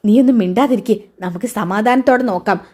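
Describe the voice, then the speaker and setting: A woman's voice: mid-range voice, fairly quick, a little mellow, slightly rough, close to an everyday voice. Scheming spiteful mother, as a woman retells her. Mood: hushed. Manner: sneering, conspiratorial. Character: scheming middle-aged mother, spiteful and gloating.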